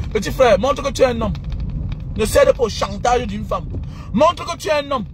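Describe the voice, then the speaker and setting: A middle-aged man giving emphatic, repetitive life advice in a casual preachy monologue, sometimes breaking into shouts. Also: very high voice, animated, normal speed, background noise. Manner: emphatic, lecturing, repeats phrases, bursts of shouting.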